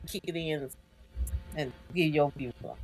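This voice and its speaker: A woman's voice: low-pitched, moderate pace, a little mellow, soft background music. A middle-aged woman co-hosting a podcast in casual chat, emphatic and pressing her point with repeated questions. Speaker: podcast co-host.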